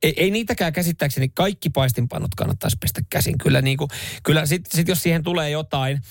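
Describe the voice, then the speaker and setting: Gravelly-voiced radio guy, a bit higher pitched, ribbing his cohost, dry studio sound. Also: animated, no room sound. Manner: teasing, quizzing his co-host. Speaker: radio morning show host. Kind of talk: casual studio banter. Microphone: studio microphone.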